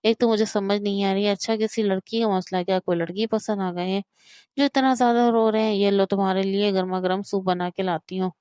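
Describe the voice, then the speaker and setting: A woman's voice: medium pitch, fairly even intonation, a little fast, dark tone, clean tone, dry recording, studio quality, close to an everyday voice. A woman reading the part of a young sister-in-law who teases the sick boy playfully. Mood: teasing. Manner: playful, teasing.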